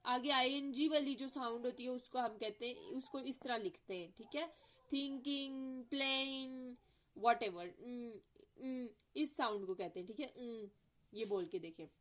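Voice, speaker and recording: A woman giving a phonetics lesson, explaining step by step, demonstrating sounds aloud and often asking if it is clear. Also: a little high, a little slow, a bit bright. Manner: mixes in English terms, demonstrates sounds aloud. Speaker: teacher. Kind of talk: phonetics lecture.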